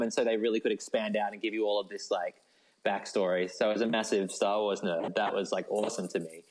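An Australian novelist, appearing as an interview guest, talks casually in a voice on the low side, enthusiastic and rambling with lots of informal "like." The recording is rough.

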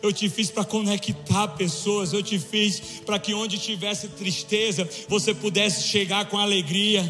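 A man voicing a slow, tender divine voice. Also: high-pitched, steady tone, pushed and bright. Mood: tender, firm. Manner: slow, tender, firm reassurance. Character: the Holy Spirit speaking gently to a man. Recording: echoing hall with faint music under.

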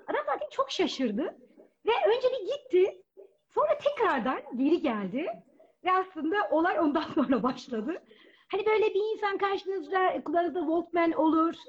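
A woman telling a personal story at a live storytelling event, animated and acting out the voices of people she quotes. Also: sits high. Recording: dull lo-fi event recording.

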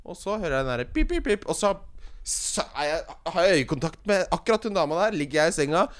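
Teasing, excitable man. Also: a little high. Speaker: podcast host. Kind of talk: casual chat about fantasy football.

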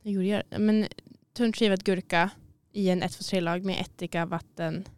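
A woman's voice: medium pitch, steady tone, clean tone. A woman co-hosting a podcast, chatting casually and a bit self-consciously, laughing easily. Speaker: podcast co-host. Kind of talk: casual chat. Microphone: studio mic.

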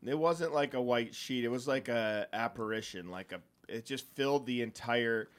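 A man's voice: mid-range voice, normal speed. A young man on a podcast, telling a rambling story in casual chat with many fillers and restarts. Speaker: podcast co-host.

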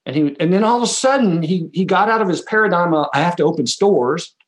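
A man's voice: sits high, expressive, fast. A man, an author appearing as a guest, teaching business ideas in a conversational way and telling stories with quoted back-and-forth. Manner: emphatic, tells stories with quoted dialogue.

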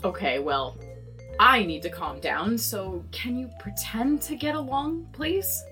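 A woman's voice: fairly high pitch, lively intonation, unhurried, bright, forceful tone, soft background music, full character voice. A woman playing an earnest, anxious young librarian sidekick in a noir audio drama, pleading and exasperated.

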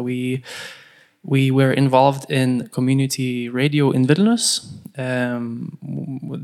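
A man with a Lithuanian accent speaks as a guest on a panel. His delivery is slow and halting, with hesitant gaps between phrases and little movement in pitch. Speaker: guest panelist, community radio co-founder. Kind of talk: panel introduction speech.

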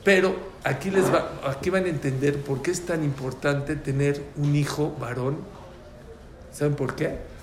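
A man's voice: on the high side, unhurried, a little hiss or hum. A man teaching a religious prayer class, telling stories and acting out the voices. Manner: animated, acts out voices in anecdotes. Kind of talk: lively religious class with storytelling. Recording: echoey room with faint ambience.

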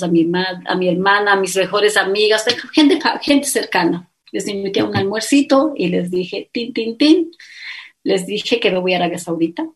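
A middle-aged woman with an Ecuadorian accent speaks in a mid-range voice on a rough recording. As an interview guest, she earnestly recounts her life story, animatedly acting out the words others said to her.

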